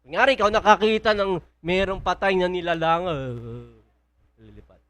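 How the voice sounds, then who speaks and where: A woman's voice: on the low side, normal speed, a bit bright. A woman with a Filipino accent preaching a sermon in a church, often asking the congregation questions. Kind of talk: sermon mixing Tagalog and English.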